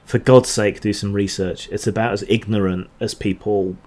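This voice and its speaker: Low-voiced man rambling on stream. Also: steady tone, moderate pace, a little mellow. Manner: rambling, hesitant with many ums, dry asides. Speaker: channel host answering chat questions. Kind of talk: casual livestream Q&A.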